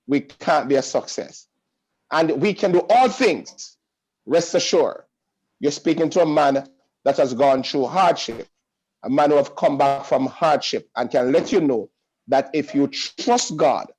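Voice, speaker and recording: A man's voice: fairly high pitch, darkish tone, husky, poor audio. A middle-aged man, a school principal giving an earnest, reassuring welcome speech to parents over a video call, often repeating and restating himself as a preacher would. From Jamaica.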